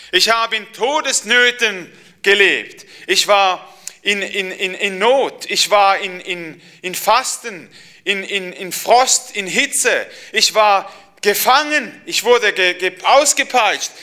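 An aged apostle lists his hardships, as a preacher puts him on, intense and stammering as he builds. The voice rings very bright and sits a little high. Sermon storytelling. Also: expressive, takes it slowly, heavily acted. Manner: intense, stammering, climbing in force. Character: aged apostle, hardened by suffering.

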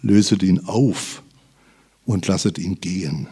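A man's voice: low-pitched, takes it slowly, mellow, breathy edge. A man preaching a sermon, reading Bible verses aloud and building up emphatically on key phrases.

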